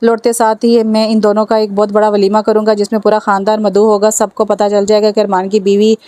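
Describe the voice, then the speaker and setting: A woman's voice: medium pitch, monotone, brisk, clean tone, no echo, natural voice. A woman reading as a kind old father-in-law. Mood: firm. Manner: firm, then gently consoling. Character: firm but kind elderly father-in-law.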